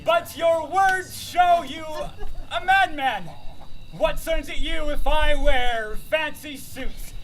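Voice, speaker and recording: A man's voice: extremely high pitch, slow pace, a bit bright, slight background noise, heavily acted. A man playing an earnest young lover, declaiming in a live outdoor Shakespeare performance.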